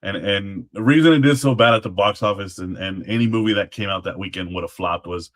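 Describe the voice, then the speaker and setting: In a lowish, brisk, fairly bright voice, a man who once guarded the Alamo speaks as a guest. He explains history casually and informally, feeling his way through what he remembers.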